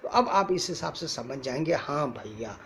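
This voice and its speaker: A man's voice: mid-range voice, lively intonation, normal speed, fairly bright tone, a little hiss or hum. A man teaching an acting lecture, explaining with spoken examples and rhetorical questions.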